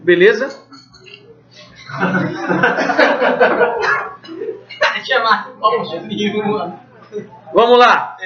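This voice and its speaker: Bright, high-voiced Brazilian teacher. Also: male voice, muffled recording. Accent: Brazilian Portuguese. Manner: conversational, asks the class questions and answers them himself; swears casually. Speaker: Portuguese teacher. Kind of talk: exam review lesson.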